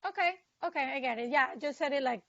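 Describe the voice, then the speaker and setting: A high-pitched woman working as an interpreter in a practice session, fumbling for words and filling gaps with "like." Her voice comes through dull, lo-fi call audio. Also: fast, fairly bright tone. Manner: hesitant, full of "like" and restarts. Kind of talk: casual practice conversation.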